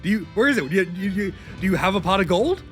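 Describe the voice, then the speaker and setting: A man's voice: sits high, lively intonation, fast talker, soft background music. Comedy sketch: man as an exasperated, dry-witted buddy who doubts everything. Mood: incredulous. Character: skeptical, grumpy young man, sarcastic.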